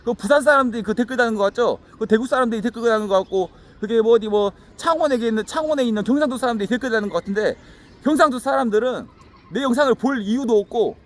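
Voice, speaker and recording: A man's voice: very high voice, fast. A man talking to his viewers in a blunt, profane monologue that keeps circling back and restarting phrases. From Haenam, South Jeolla, Korea. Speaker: YouTuber. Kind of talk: casual monologue to camera.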